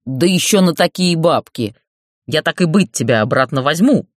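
Close to an everyday speaking voice, this mid-range narrator delivers an audiobook character at normal speed with lively intonation. The role is a middle-aged male boss, crude and foul-mouthed, who angrily bullies, curses and mocks. The studio recording is clean, with no room sound.

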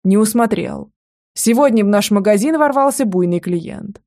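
A woman's voice: mid-range voice, animated, normal speed, a little mellow, lightly acted. A woman voicing a composed, polite male boss in a romance audiobook.

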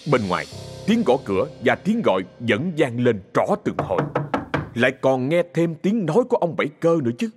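Brief: male narrator, lively ghost story telling, faint music. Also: medium pitch, a little fast. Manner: dramatic storytelling.

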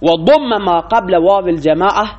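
High-voiced male teacher quizzing students. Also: dull audio. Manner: explains in Persian, quizzing students with questions. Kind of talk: classroom lecture.

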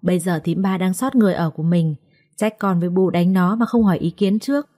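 A spiteful, scheming young wife sneers and talks down to her rival in a dark, mellow voice, as a woman narrator puts her on. Her tone stays condescending and low. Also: fairly quick, lightly acted. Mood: sneering. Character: spiteful scheming elder daughter-in-law.

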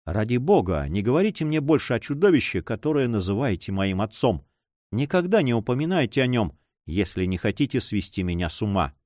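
A man's voice: medium pitch, sing-song, fairly quick, darkish tone, dry recording, studio quality, natural voice. A man voicing a furious young captain sworn to revenge. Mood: anguished pleading. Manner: vehement, impassioned outbursts. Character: young male captain, proud and vengeful.

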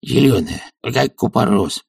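A man doing a boorish ex-dog lout, gravelly, husky, higher pitched, swinging up and down, sulky grumble. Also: very animated, measured pace, a little mellow, no echo, studio quality, exaggerated voice. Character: crude boorish young man, formerly a dog. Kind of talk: audiobook character voice.

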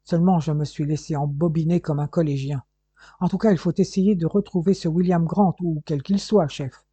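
A man reading a gruff, curt police detective who grumbles in a storybook reading. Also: a little high, steady tone, moderate pace, dark tone, no room sound. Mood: urgent. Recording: dull lo-fi recording.

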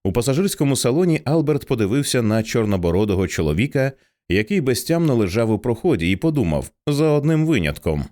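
A man narrating an audiobook with an expressive, dramatic reading. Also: medium pitch, quick pace.

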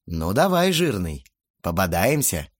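A man's voice: sits low, very animated, a little slow, heavily acted. A man voicing an insolent teenage boy who talks with sugary sarcasm, in an audiobook. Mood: mocking. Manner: sarcastic, mockingly sweet.

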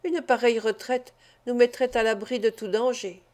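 A woman's voice: on the high side, fairly even intonation, moderate pace, a little mellow, close to an everyday voice. A woman reading the part of an eager, inventive teenage boy in an audiobook.

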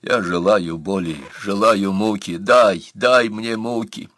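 Man doing a tortured bodyguard, slow, strained, defiant, low voice. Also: fairly even intonation, fairly bright tone, no echo, clean studio sound.

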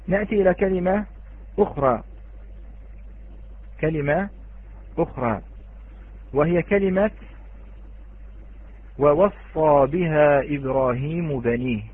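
Over tinny, phone-like online audio, a man teaches a Quran recitation lesson, patiently quizzing his students and chanting the example words. His voice is fairly high and slightly rough.

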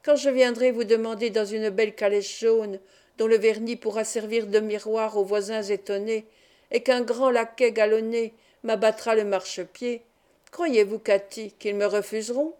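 Eager young actor in love, dreamy; a woman reads him in her own voice. Audiobook, mellow tone. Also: a little high, fairly even intonation, normal speed, smooth, lightly acted. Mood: ardent. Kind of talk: audiobook reading.

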